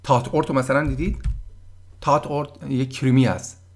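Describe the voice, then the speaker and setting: A man giving a casual German lesson, patiently explaining words and sounding them out slowly. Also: mid-range voice, fairly even intonation. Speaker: German language teacher.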